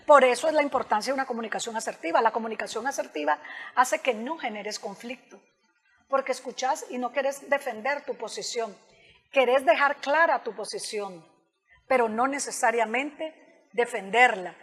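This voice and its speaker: A woman guest who is a communication specialist, explaining in an animated interview and speaking directly and informally to the host. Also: a little high, moderate pace, husky, big-room sound. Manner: animated, acts out example dialogues in other voices.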